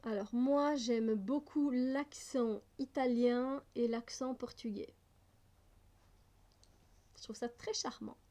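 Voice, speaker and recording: Give me a chatty woman vlogger with a slightly high, mellow voice, laughing and hesitating as she answers questions. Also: steady tone, takes it slowly, pauses often. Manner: chatty and light, laughs often, many hesitations. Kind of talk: casual vlog reading out and answering personal questions.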